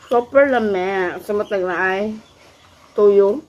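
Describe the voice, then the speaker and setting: A woman's voice: mid-range voice, a little mellow, dull audio. A woman vlogger chatting casually to her viewers about the food she is eating in the countryside. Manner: slow, unhurried talk to viewers, mixing in English words. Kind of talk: casual food vlog chat. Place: outdoors in the countryside.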